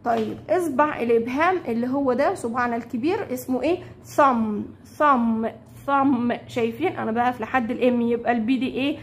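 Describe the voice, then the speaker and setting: A woman teacher with an Egyptian Arabic accent, explaining English words to young pupils, repeating them slowly and checking often that they follow. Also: a little high, a little hiss or hum. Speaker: primary school English teacher. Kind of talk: classroom lesson explaining vocabulary.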